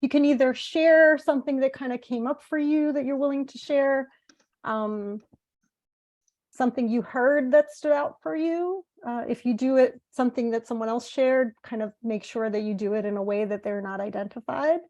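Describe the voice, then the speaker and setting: A high-pitched, darkish-toned woman at a moderate pace hosts an online workshop, explaining ideas informally and facilitating the group. Born in America to Italian parents, she has spent half her life in Italy and is bilingual.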